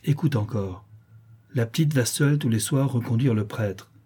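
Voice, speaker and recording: A man's voice: mid-range voice, moderate pace, husky, natural voice. A man playing a cold scheming brigand. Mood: commanding. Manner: calm, authoritative. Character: cold calculating brutish male brigand.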